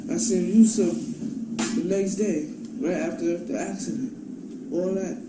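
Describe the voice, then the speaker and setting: A young man speaks in a high voice, giving jittery, evasive denials to questioning. His words stumble and repeat. The recording is distant, echoey and heavy with noise. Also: fairly even intonation, measured pace. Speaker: suspect being interrogated. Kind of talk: answering questions in a police interrogation. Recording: echoey, noisy archival interrogation recording from afar.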